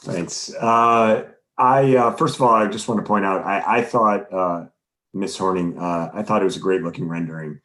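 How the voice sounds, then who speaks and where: A man's voice: sits low, normal speed, fairly bright tone. A man on a planning commission, speaking remotely over a call, friendly and rambling with many uhs. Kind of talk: public meeting discussion. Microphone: remote call connection.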